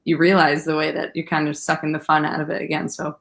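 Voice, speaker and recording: Low raspy-fry lady host, rambly questions, kinda monotone. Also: fast. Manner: chatty, encouraging, rambling questions. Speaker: podcast host. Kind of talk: casual interview chat.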